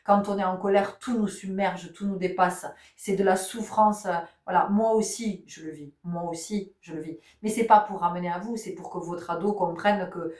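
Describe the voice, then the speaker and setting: A woman's voice: lowish voice, fairly even intonation, normal speed, hardly any pauses, a little mellow, recorded from a distance. A woman giving a spiritual teaching talk. She repeats her key words and asks many rhetorical questions. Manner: says she is not giving medical advice. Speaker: spiritual channel host. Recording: roomy sound, voice set back from the mic.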